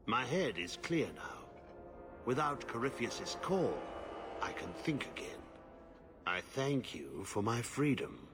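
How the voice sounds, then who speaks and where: An actor playing a weary old male warden who speaks slowly and gravely. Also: medium pitch, big pitch swings, over music. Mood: grateful. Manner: slow, solemn, grave.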